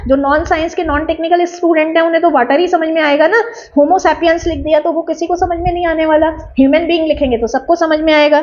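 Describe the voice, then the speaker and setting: A woman's voice: sits high, a little mellow, dull audio. A woman from Bijnor, India, giving an exam-prep lecture, explaining terms and checking in with her students. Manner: explanatory, addresses students as beta, tag questions. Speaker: teacher. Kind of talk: exam-prep lecture in Hindi-English mix.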